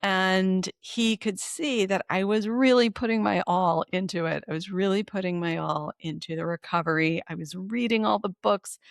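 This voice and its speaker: A middle-aged woman hosting a solo podcast as a therapist, talking in a gentle, reflective, unhurried way. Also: medium pitch, gravelly, no echo, studio quality.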